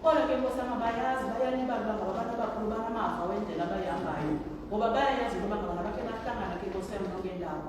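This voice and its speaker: Xhosa woman praying out loud in church, super fast, repeats invocations, huge echo. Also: mid-range voice, a crowd in the background. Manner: repetitive invocations in short phrases. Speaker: person leading congregational prayer. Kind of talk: fervent extempore church prayer. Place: church hall. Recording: distant, very echoey noisy hall.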